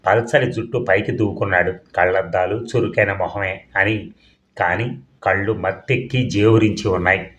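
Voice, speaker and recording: Man, audiobook narration, measured, low voice, dull lo-fi sound. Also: steady tone, fairly bright tone. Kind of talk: reading a novel aloud. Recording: dull, echoey room.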